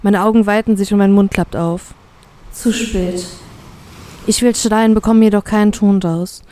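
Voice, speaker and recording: A woman narrating a first-person fanfiction story in a calm, even storytelling manner. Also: medium pitch, brisk. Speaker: reader.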